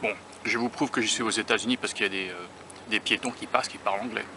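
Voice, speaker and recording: Fairly low in pitch and steady, his bright, forceful voice moves at a quick pace. The American man vlogs casually while tasting food outdoors by a beach near rail tracks, recording himself on a phone or handheld camera, musing self-consciously and frequently restarting sentences amid traffic and vehicle noise.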